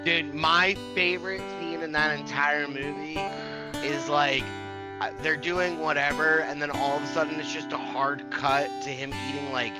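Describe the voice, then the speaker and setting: A man co-hosting a casual podcast, excitable and swearing, full of "dude" and "like", with music clearly playing behind. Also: fairly high pitch, moderate pace. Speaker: podcast co-host.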